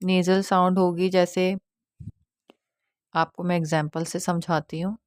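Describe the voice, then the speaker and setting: A woman teacher explains recitation rules patiently and checks often that her listeners understand. Her voice sits a little low. The recording is close and dry, with no room sound. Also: level tone, no echo. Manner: patient, explains step by step, often asks "theek hai?"; demonstrates nasal sounds slowly. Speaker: Quran tajweed teacher. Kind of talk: online lesson.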